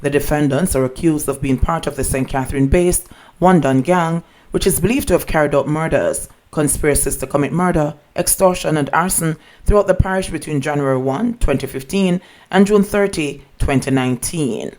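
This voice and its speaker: A man reading a scripted news report in a formal, measured manner. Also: on the high side, a little mellow. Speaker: news narrator.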